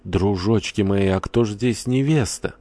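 A man voicing a timid, anxious middle-aged woman in an audiobook, speaking softly. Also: lowish voice, unhurried, dry recording.

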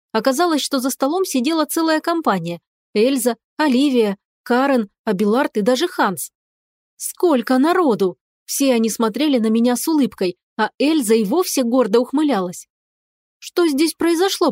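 Bright-voiced woman narrating an audiobook. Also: fairly high pitch, no room sound, studio quality. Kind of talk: first-person audiobook narration.

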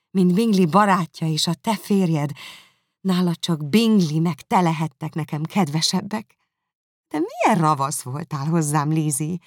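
A woman voicing a gentle, trusting young woman speaking earnestly to her sister, in an audiobook reading. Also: deep voice, husky, dry recording, clean studio sound, exaggerated voice. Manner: earnest, incredulous, warm. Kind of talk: audiobook character voice.

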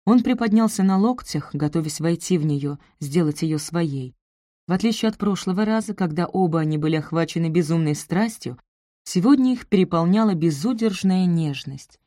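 A woman narrates a romance novel in a smooth, even way. Her voice sits low and sounds warm and mellow. The recording is close and dry. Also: moderate pace, dry recording. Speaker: audiobook narrator.

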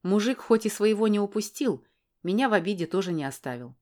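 A woman narrating a first-person audiobook in a brisk, wry storytelling manner. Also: medium pitch, expressive, warm tone.

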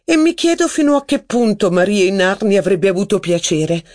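A man reading an audiobook, voicing a haughty, witty duchess who gossips with mocking flair. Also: moderate pace. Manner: mocking, gossipy, lively pitch. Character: haughty witty middle-aged aristocratic duchess.

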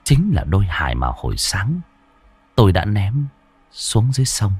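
A man's voice: lowish voice, very animated, moderate pace, darkish tone, faint music behind. A man narrating a ghost story in a dramatic, suspenseful way.

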